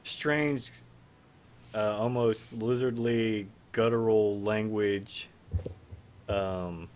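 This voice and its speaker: A man narrating as game master of a streamed tabletop game, relaxed and rambling, with fillers. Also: on the low side, very slow. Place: home stream setup.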